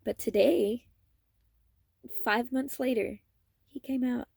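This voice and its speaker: A young adult woman vlogger telling a personal story in a casual, rambling, fond way, with animated emphasis and trailing asides. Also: a little high, slow, creaky, breathy edge, no echo, studio quality.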